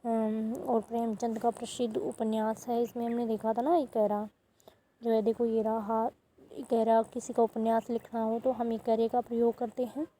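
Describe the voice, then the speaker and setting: Warm-voiced woman teaching grammar. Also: a little high, little pitch movement, normal speed, slight background noise, rough recording. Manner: step-by-step, corrects herself mid-sentence. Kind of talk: explaining grammar to students.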